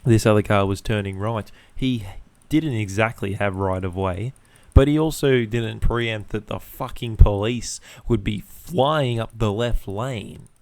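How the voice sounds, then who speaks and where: A young man with a fairly low voice rants casually as a podcast host. He leans on laddish slang and swearing, sounds exasperated, and repeats his points to drive them home. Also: unhurried, hardly any pauses, a little mellow. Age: young adult.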